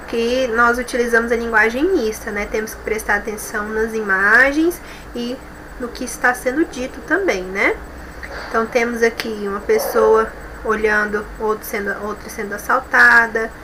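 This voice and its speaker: A Brazilian woman teacher giving a recorded class lesson, reading from a textbook and explaining slowly, often tagging sentences with a questioning "né?". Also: fairly high pitch, pushed and bright, a little hiss or hum, low-quality recording. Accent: Brazilian Portuguese. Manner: explains slowly with frequent "né?" tags.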